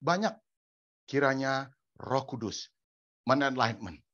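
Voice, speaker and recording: Man, pastor, sermon, animated, English phrases mixed in, muffled lo-fi recording. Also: medium pitch, slow pace. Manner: animated, mixing in English phrases, acting out quoted voices.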